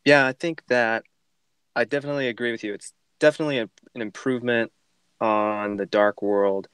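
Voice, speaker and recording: A young man co-hosting a casual movie podcast, animated and tripping over his starts. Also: medium pitch, brisk, clear, resonant tone, no room sound. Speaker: podcast co-host.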